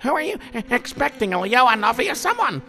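A man's voice: extremely high pitch, big pitch swings, fast talker, pushed and bright, pitched above the performer's own voice, heavily acted. A man voicing a freezing town drunk who pleads with shivering, stammering speech in a told story. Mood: shivering, pleading.

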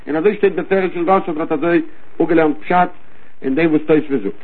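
A man teaching a Talmud study lesson with a rapid, rising and falling study cadence. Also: fairly high pitch, husky. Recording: tinny phone-line recording.

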